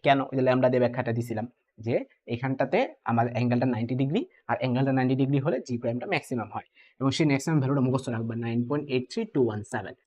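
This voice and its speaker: A young man teaching physics in an exam-prep lecture, mixing in English terms and often checking in with the students. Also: mid-range voice. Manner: brisk, keeps asking "ঠিক আছে?", mixes English terms. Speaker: physics tutor.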